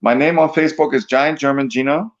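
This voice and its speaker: A man's voice: medium pitch, fast talker, dull audio. A man with a Liberian accent chatting and telling stories in exclamatory colloquial English, repeating phrases for effect. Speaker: storyteller and author. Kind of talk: animated colloquial storytelling and casual chat.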